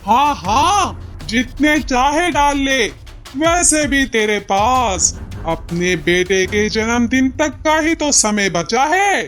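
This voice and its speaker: A woman's voice: sits high, animated, fairly bright tone, soft background music, full character voice. A woman voicing a taunting bloodthirsty witch. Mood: grudging. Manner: threatening, taunting, drawn-out. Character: bloodthirsty female witch, menacing and mocking. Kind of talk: cartoon voice acting.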